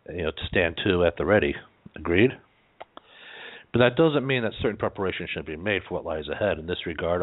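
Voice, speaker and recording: A man with a low voice reads out political commentary on a muffled, lo-fi recording. His phrasing is wordy and formal, broken by folksy asides. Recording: dull, band-limited lo-fi audio.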